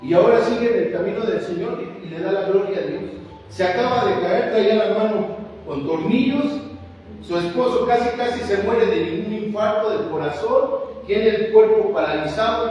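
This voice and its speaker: Fervently preaching in a church hall, a man repeats his phrases and keeps calling out to "my brother." His voice is high with a darkish tone. The audio is muffled, with slight hiss or hum, and echoes as if recorded from a distance.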